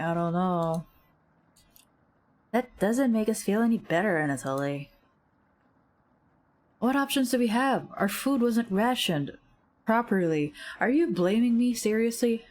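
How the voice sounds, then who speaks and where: A woman streams a game from home into a desk microphone. She chats in a rambling, casual way at a middling pitch, her voice jumping up in sudden squeaks of surprise between asides. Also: darkish tone. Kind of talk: casual game commentary while reading dialogue aloud.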